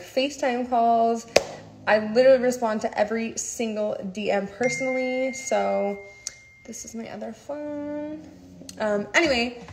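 Young woman, slight lisp, chatty livestream host, a touch high, recorded close on a phone at home. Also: gravelly, slight background noise. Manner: chatty, rambling, laughs often. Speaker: social media creator. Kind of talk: casual livestream chat to followers. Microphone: phone held close, livestream.

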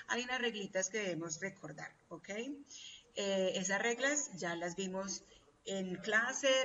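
Woman, online teacher, unhurried, patient questioning, bright tone, dull lo-fi call audio. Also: medium pitch. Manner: patient, keeps quizzing the students. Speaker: English teacher. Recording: distant, dull lo-fi call audio with faint hum.

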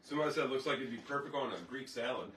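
A man's voice: medium pitch, very fast. A man co-hosting a casual live stream, reading viewer comments in a laid-back, rambling way. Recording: roomy, distant from the mic, faint background noise.

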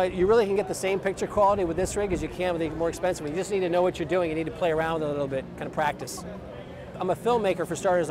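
Man demoing gear at a busy outdoor expo. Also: on the high side. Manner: casual explanatory, many fillers. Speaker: company president and filmmaker. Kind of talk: trade show equipment demo. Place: outdoor expo booth under an umbrella. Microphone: lapel mic. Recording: outdoor crowd noise. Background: crowd chatter.

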